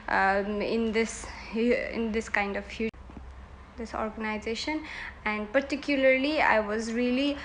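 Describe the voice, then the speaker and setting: A woman's voice: fairly high pitch, a little hiss or hum, low-quality recording. A woman, giving earnest, hesitant answers in a mock job interview. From Nepal. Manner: earnest, hesitant, self-correcting.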